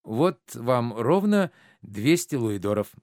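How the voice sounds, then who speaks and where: A man's voice: mid-range voice, big pitch swings, slow pace, darkish tone, no room sound, clean studio sound. A man reading a stage play aloud, voicing a gullible, eager middle-aged bourgeois who fawns over a noble. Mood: fawning.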